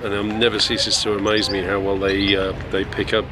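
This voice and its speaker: A man with a slightly low voice gives informal interview answers, as an actor and instructor. Clear background noise runs behind him. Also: completely flat delivery, a little fast. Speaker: film actor and lightsaber instructor being interviewed. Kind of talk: casual chat.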